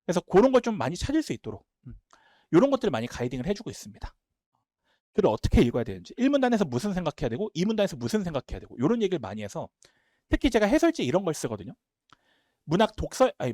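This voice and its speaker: A man's voice: high-pitched, no echo, clean studio sound. A man who teaches Korean language, giving an emphatic talk at an admissions seminar. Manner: emphatic, talks fast and animated.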